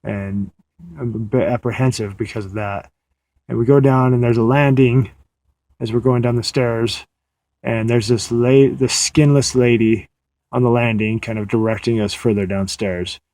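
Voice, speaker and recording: A man's voice: mid-range voice, steady tone, moderate pace, a little mellow, dry recording. A man recounting a dream in a casual, meandering way, often restarting his sentences, sitting in a parked car at night. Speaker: audio diarist.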